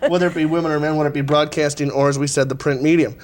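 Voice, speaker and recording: A man's voice: on the high side, steady tone, racing. A man hosting a live call-in TV talk show in a studio, teasing his guests and rambling in a joking way.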